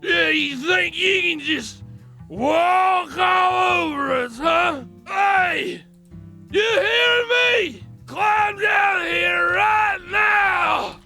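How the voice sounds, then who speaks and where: An actor playing a belligerent, blustering drunk heir in a video game, rambling like a town drunk. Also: male voice, very high voice, extremely slow, gravelly, raised voice, music in the background, heavily acted. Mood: drunken rage.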